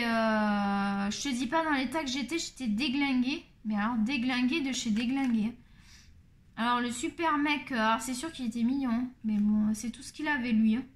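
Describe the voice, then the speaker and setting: The host of a coloring video, a middle-aged woman, keeps up a loose, candid chat full of fillers as she works. Her pitch is fairly high and her tone fairly bright.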